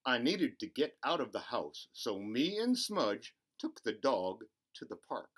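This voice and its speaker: A weary storybook father as a man reads him speaks wistfully and plainly. He takes his time, with a varied pitch. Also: very animated, a little slow, a bit bright, slightly rough, exaggerated voice. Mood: weary, hopeful. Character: downhearted jobless father narrating a picture book.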